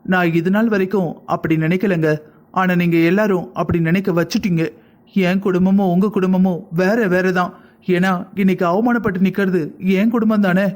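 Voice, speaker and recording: A woman voicing an angry young wife and protective elder sister in a cartoon family drama, sharp and accusing. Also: fairly low pitch, steady tone, a little fast, natural voice. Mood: bitter.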